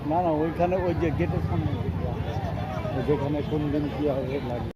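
A man's voice: on the high side, a little fast. A man chatting casually and offhandedly with companions at an outdoor fair. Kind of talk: casual chat. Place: outdoor fair with a stage show. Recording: dull recording, loud crowd and music.

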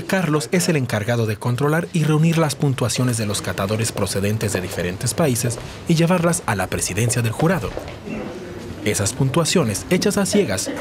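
A man's voice: medium pitch, noisy background. A man reading scripted voice-over narration for a TV report.

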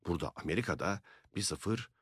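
A man with a very low, deep voice reads an audiobook in steady, matter-of-fact narration. The recording is dry and close, with no room sound. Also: a little fast, husky, no room sound. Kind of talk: scripted narration.

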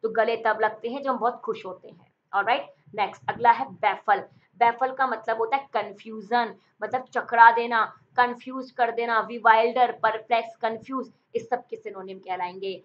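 A female vocabulary teacher with an Indian accent, speaking in a fairly high voice. She reads English definitions slowly and deliberately, then switches to quick, lively Hindi explanations of memory tricks. The recording is somewhat dull and lo-fi. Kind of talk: exam-prep vocabulary lesson with memory tricks.

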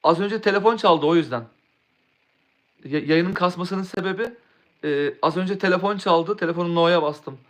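Young man, a bit high-pitched, casually chatting to his live-stream viewers and often restarting his words. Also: normal speed. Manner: rambling, restarts words, answers chat.

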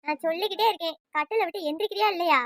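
A woman voicing a nagging, sharp-tongued middle-aged mother-in-law in a family cartoon. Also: very fast, no echo, clean studio sound. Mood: scolding. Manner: nagging, taunting, shrill. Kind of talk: cartoon voice acting.

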